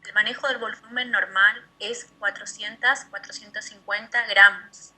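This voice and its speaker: A woman's voice: mid-range voice, fairly even intonation, normal speed, bright, forceful tone, rough recording. A woman teaching a nutrition class online, explaining in a methodical way and repeating key terms.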